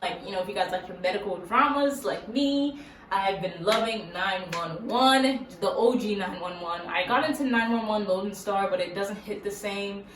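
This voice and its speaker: A woman's voice: medium pitch, normal speed. A young woman from Massachusetts, chatting casually and giggly in a Q&A vlog, filled with "like". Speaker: YouTuber. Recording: echoey room, mic at a distance, faint hiss.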